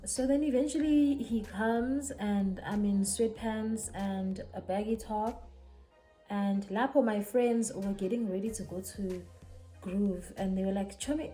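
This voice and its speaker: A young South African woman telling a storytime in a casual, animated way. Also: mid-range voice. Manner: animated, code-switching, dramatic retelling. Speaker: vlogger. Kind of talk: casual storytime while getting ready.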